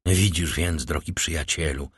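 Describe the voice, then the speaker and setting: A man voicing a brooding, commanding count, with slow, hushed and solemn speech. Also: a bass voice, husky, no room sound, clean studio sound, full character voice. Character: brooding powerful count, middle-aged man, grave and commanding.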